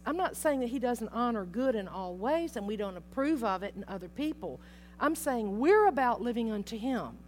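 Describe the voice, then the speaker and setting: A woman's voice: a little high, a little mellow, slight background noise. A middle-aged woman teaching a Bible study in an informal, chatty way, acting out quotes and laughing often.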